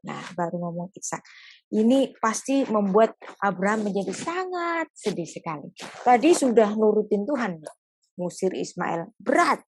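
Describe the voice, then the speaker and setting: A woman teaching a Bible lesson, explaining in a lively way and dropping in casual spoken asides. Her voice sits at a middle pitch. It is recorded dry, with almost no room sound. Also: dry recording.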